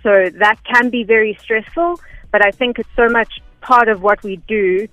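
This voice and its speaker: Faint music plays behind a South African woman, an air traffic information officer being interviewed on radio, as she explains matters step by step in a relaxed, unpretentious manner. She speaks at a fairly high pitch with a steady tone and moderate pace, slightly bright, with no echo but poor audio.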